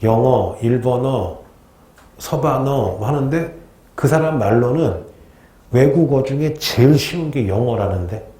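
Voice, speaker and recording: A male teacher lecturing in a relaxed, joking way, slipping off into chatty anecdotes between points. His voice is warm and mellow, with a middling pitch. The room gives it a roomy echo. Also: unhurried. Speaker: history teacher. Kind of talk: casual classroom lecture.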